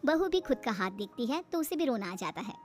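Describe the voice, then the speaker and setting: A woman tells a cartoon story with dramatic flair. Her voice is high and clear, and faint music plays behind her. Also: big pitch swings, brisk. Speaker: narrator. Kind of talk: scripted storytelling narration.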